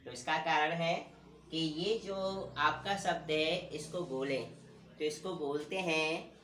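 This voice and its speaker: A man's voice: on the high side, takes it slowly, sharp tone. A man teaching an English grammar lesson, asking questions and answering them himself while repeating key words. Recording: echoey room, distant mic, faint room noise.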